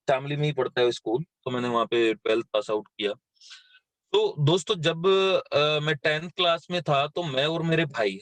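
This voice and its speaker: Speaking in a medium-pitched voice with no room sound, this invited guest on a live motivational session is a thirties-aged man from western Uttar Pradesh, India. He recounts his life plainly, leaning on lots of fillers and repeating words.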